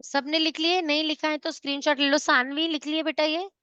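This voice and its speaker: High-voiced woman teaching class. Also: little pitch movement, a little fast, sharp tone, no room sound, dull audio. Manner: mixes Hindi and English, checks students often. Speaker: science teacher. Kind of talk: online class lecture.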